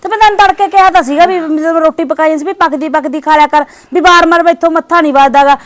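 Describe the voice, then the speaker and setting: Woman doing a nagging daughter-in-law, very high voice, rattles it off fast. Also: steady tone, fairly bright tone, a little hiss or hum. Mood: grumbling. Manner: scolding, dismissive, nagging. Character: sharp-tongued young daughter-in-law, scolding and cold. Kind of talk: village short-drama acting.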